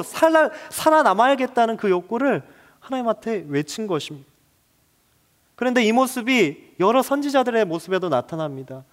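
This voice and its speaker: A male pastor delivering a dramatic sermon, dropping to a hush and then building to loud, pleading passages. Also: high-pitched. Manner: dramatic, shifting between hushed and loud passages.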